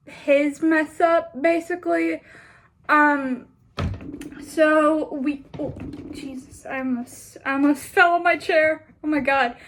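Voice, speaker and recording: Slow-talking sleepy young woman vlogger. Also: sits high. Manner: rambling, halting, many fillers and restarts. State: sleepy, just woke up. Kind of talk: casual personal vlog.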